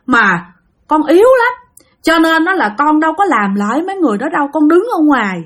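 A woman's voice: high-pitched, very animated, very fast, dark tone, voice pushed up. A woman voicing the ghost of a young man, weeping and gasping for breath as he pleads. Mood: tearful.

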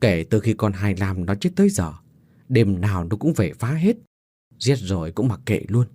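A man voicing an anxious, weary older village mother who speaks in a worried, hushed way. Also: on the low side, sing-song, moderate pace, no echo, studio quality.

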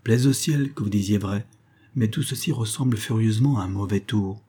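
A man's voice: fairly low pitch, normal speed, dark tone, husky. A man reading the part of a stubborn, peevish magistrate husband, curt and indignant, in an audiobook.

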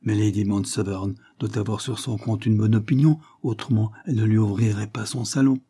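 A man voicing a shy, flustered young noblewoman in a read-aloud novel, pitching his husky voice up for her replies. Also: steady tone, a little fast, warm tone. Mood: shy, earnest.

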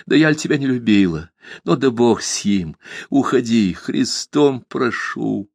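A man's voice: medium pitch, lively intonation, measured pace, vocal fry, no room sound, studio quality. A man reading an audiobook, voicing a tearful young village woman who pleads and cries out. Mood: anguished. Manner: pleading, sobbing, rising to cries.

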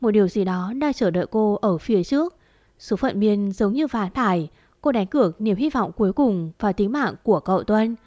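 A woman reading a romance story aloud as narrator, in a steady, measured way. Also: medium pitch, dry recording, studio quality.

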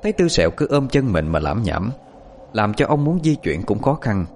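A man narrating a horror story in an expressive, suspenseful manner. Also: fairly low pitch, normal speed, a little hiss or hum.

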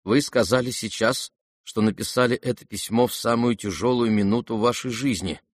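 A man's voice: mid-range voice, normal speed, no room sound, lightly acted. A man reading aloud and voicing a proud, irritable young noblewoman who speaks sharply and indignantly. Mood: embarrassed.

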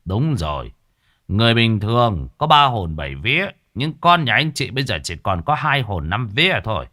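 A man voicing an old village exorcist who speaks in a stern, commanding, measured way. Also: fairly low pitch, sing-song, pushed and bright, pitched above the performer's own voice.

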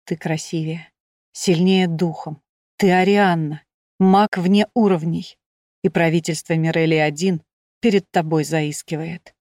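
A steady, loving husband, read by a woman narrator, talks low and soft, earnest and gentle. The sound is dry and close. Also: unhurried, no room sound. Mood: tender.

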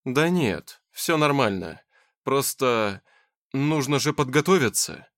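A man's voice: mid-range voice, animated, takes it slowly, fairly bright tone, no echo. A man voicing a sardonic, grumbling young man with a dry, sarcastic manner. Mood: wry.

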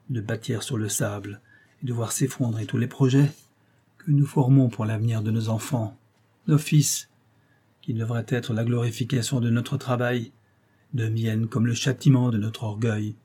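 A man voicing an anguished middle-aged contractor father in an audiobook, speaking loudly in a hoarse, clipped, emphatic way. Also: mid-range voice. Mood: sorrowful. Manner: loud, grieving, emphatic pleading. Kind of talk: audiobook character voice.

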